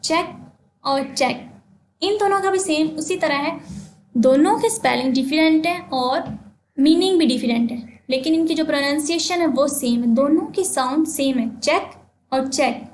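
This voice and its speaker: A woman teacher giving a class lesson, explaining slowly, asking the class questions and spelling words letter by letter. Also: high-pitched.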